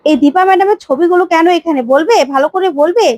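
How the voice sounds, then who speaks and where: A confused man who cannot remember his past, bewildered and irritable, as a woman storyteller puts him on. The voice is high and sounds dry and close. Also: fast, darkish tone, no room sound. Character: confused father who has lost his memory, a man.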